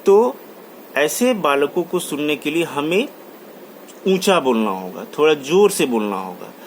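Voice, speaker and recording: In a sing-song, fairly high voice and at a measured pace, a college lecturer delivers a classroom lecture in Hindi sprinkled with English terms. He repeats key terms and restates every point as faint background noise hums along.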